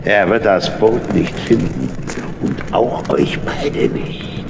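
An actor playing a boastful, gloating tomcat pirate villain in a children's audio play, with a theatrical, sneering, drawn-out delivery. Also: male voice, lowish voice, lively intonation. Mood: gloating menace. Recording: noisy, echoing old radio-play recording.

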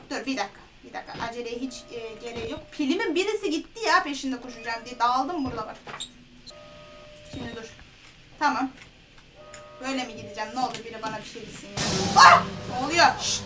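A woman playing a horror game who talks to herself, gasps and pleads nervously as she goes. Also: sits high. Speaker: gaming streamer. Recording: voice heard from a distance over loud game music.

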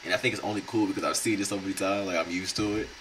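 A young man hosting a reaction video, giving blunt, slangy commentary with loud outbursts. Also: low-pitched, fairly even intonation, racing, noisy background. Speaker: reaction channel host.

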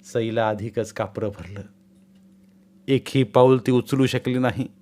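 A man narrating a village tale in a measured, deliberate reading. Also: mid-range voice, fairly even intonation, mellow. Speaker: storyteller. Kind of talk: storybook narration.

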